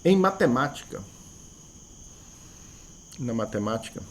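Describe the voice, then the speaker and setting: This man teaches a math lesson in an explanatory video, speaking with a Brazilian Portuguese accent in a mid-range voice with big pitch swings and a measured pace. He thinks aloud, repeats key words, and poses rhetorical questions to himself.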